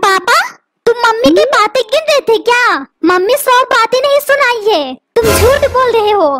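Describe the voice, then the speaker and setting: Squeaky mischievous cartoon boy, teasing and cheeky, a woman voicing him. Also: lively intonation, moderate pace, very noisy. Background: background music.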